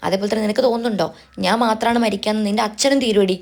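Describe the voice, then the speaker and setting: A woman reads out a controlling middle-aged mother from a TV serial, scolding and pressuring her grown daughter. She talks at a very fast clip, with the everyday pitch of the narrator who puts her on. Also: steady tone, close to an everyday voice. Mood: angry, scolding.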